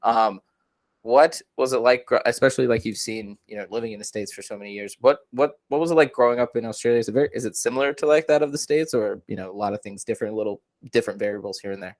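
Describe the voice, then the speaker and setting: A man's voice: on the low side, quick pace. A young man hosting a podcast, talking eagerly and rambling with frequent fillers and restarts. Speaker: podcast host. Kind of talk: casual interview chat.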